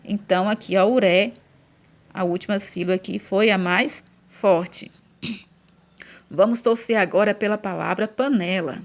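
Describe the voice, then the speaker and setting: A woman's voice: mid-range voice, measured pace. A woman with a Brazilian Portuguese accent teaching a grammar lesson for children, speaking patiently and stretching out syllables when she chants example words.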